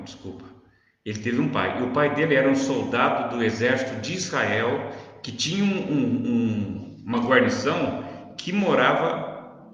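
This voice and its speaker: A man with a São Paulo Brazilian accent teaches the Bible informally, conversational and didactic, often checking that the listener is following. His voice is medium-pitched and fairly bright, recorded in a very echoey, reverberant room with a dull sound.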